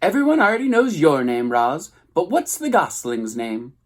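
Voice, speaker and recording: A man's voice: on the high side, wildly swooping pitch, normal speed, voice pushed up. A man reading aloud and voicing a fussy, bossy old female goose who squawks and scolds.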